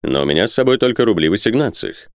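A man's voice: on the low side, big pitch swings, no echo, studio quality, voice pushed up. A man voicing a reserved count who speaks coldly and evenly. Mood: cool. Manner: cold, measured. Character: cool, reserved male count.

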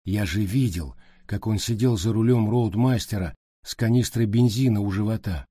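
A man narrating an audiobook in a steady, even storytelling voice. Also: on the low side, normal speed, breathy edge, dry recording, clean studio sound. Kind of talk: scripted narration.

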